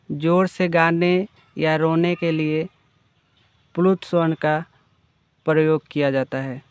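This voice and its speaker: Male teacher, slightly high and clear-voiced, patient repeating explainer. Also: no echo. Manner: defines each term, then restates it. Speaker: Hindi grammar teacher. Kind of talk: slow, explanatory grammar lesson.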